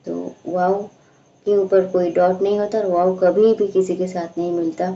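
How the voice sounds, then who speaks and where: A woman teaching a slow, patient recitation lesson, explaining each sound and stretching out the recited words. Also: on the low side, flat delivery, warm tone. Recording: echoey room, dull lo-fi sound.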